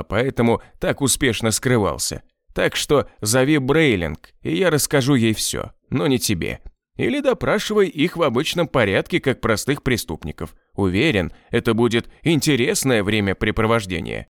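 A man's voice: mid-range voice, sing-song, moderate pace, no echo, studio quality. Man playing a cocky taunting captive. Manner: mocking, cocky. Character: defiant captured male smuggler, taunting.

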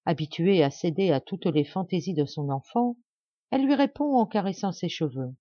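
A woman narrating a fairy tale as an audiobook reader, in a clear, measured way. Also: fairly low pitch, animated, warm tone, no echo, lo-fi sound. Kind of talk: storybook narration.

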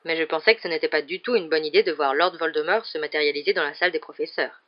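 Audiobook: reader plays a kind teacher wizard, soft and measured, mid-pitched, slightly muffled sound. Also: lightly acted.

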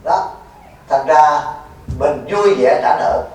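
A man's voice: fairly high pitch, animated, slow, darkish tone. A man, a Buddhist monk giving a folksy dharma talk at a retreat, teasing and quizzing his listeners. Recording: echoey hall, mic far off, faint noise.

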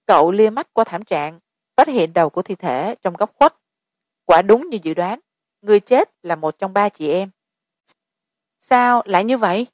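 A woman narrating a story in a steady storytelling delivery. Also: mid-range voice, normal speed, no echo, clean studio sound. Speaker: audiobook narrator.

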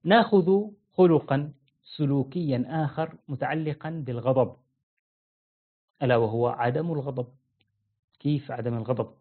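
A man giving an interactive religious lesson, quizzing listeners with repeated questions and slowing down to stress key phrases. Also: medium pitch. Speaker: religious teacher. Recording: narrow phone-like audio.

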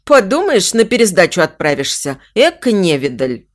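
A bossy invisible spirit, a female voice that grumbles and lectures with a dismissive snort in it, as a woman reads her in an audiobook. Her pitch swings widely as she scolds. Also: big pitch swings, moderate pace, natural voice. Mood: scolding. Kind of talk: audiobook character voice.

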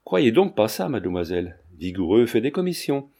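A man's voice: medium pitch, sing-song, a little fast, creaky, warm tone, husky, full character voice. A man voicing a poor middle-aged fairground clown who talks in a blunt, plain way, read from a novel. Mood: earnest.

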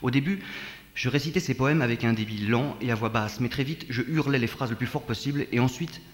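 A man giving a performed poetry reading, with rhythmic, repetitive declamation that jumps suddenly between loud and soft. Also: medium pitch, a little fast. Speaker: poet reading his own text. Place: poetry centre reading room. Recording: long hall reverb from a live reading.

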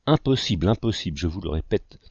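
This is a fussy young artist who loves to argue, as an audiobook narrator puts him on. The low male voice sits dry and close, and the recording has a slightly dull, muffled top. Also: animated, fast talker, slightly rough, no room sound. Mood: protesting.

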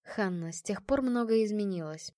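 A woman reading the part of a weary young nobleman, guilty and apologetic, speaking low and subdued in an audiobook. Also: expressive, moderate pace, warm tone, no room sound, clean studio sound, close to an everyday voice.

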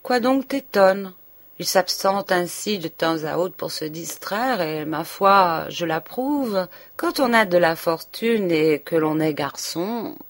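A woman voicing a loud, hearty husband. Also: lowish voice, expressive, slow pace. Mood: hearty chatter. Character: cheerful oblivious provincial husband, man. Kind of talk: audiobook character reading.

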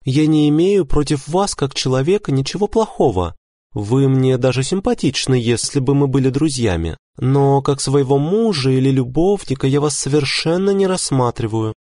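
A male reader voicing a cold, aloof young noblewoman who speaks calmly, politely and distantly in a storybook. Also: mid-range voice, normal speed, no echo, clean studio sound, pitched above the performer's own voice, lightly acted. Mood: coolly dismissive.

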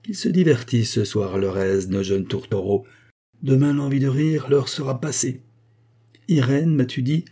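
A man's voice: medium pitch, moderate pace, warm tone, voice pushed up, natural voice. A man voicing a scheming baron who poses as an old priest, with a quavering voice and feigned grief. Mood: sinister.

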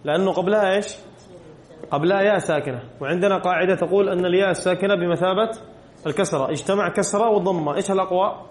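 A man's voice: sits high, very fast, reverberant, a little hiss or hum. A male teacher giving a classroom grammar lesson, putting questions to his students and repeating the key rules.

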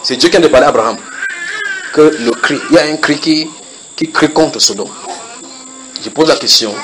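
A man's voice: on the high side, moderate pace, background noise. A man preaching at a house church Bible study, reading verses and putting questions to his listeners, repeating phrases for emphasis.

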